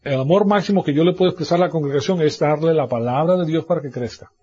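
A man's voice: on the high side, fast, dark tone, husky, muffled recording. A man preaching a sermon as a pastor, now and then mimicking the people he criticizes. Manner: preaching with mocking mimicry of others.

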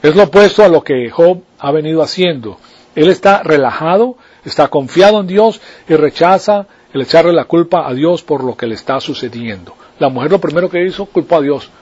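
A man's voice: fairly high pitch, lively intonation, a little fast, darkish tone, breathy edge. A man preaching a sermon in a conversational way, often checking with his listeners for agreement. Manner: conversational, asks the listeners for assent. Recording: dull lo-fi recording.

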